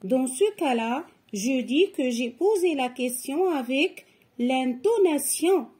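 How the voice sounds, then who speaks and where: A woman's voice: high voice, animated, slow, darkish tone. A woman teaching a grammar lesson to children, explaining patiently and step by step. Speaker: French teacher.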